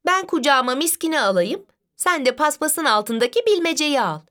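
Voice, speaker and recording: A woman voicing a confident young girl who is a big sister, with high, bright, quick retorts. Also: animated. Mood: cheerful.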